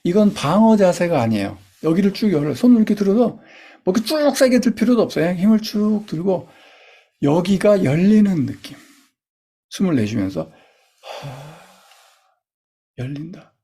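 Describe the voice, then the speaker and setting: Gravelly husky man leading body exercises. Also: high-pitched, big pitch swings, brisk, warm tone. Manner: coaching, demonstrating gestures step by step. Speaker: instructor. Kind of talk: guided body exercise lecture.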